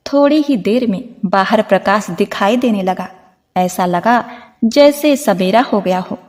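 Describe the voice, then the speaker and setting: A woman narrating a devotional story, speaking to listeners as devotees in a gentle, steady telling. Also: medium pitch, a little slow, in a large hall.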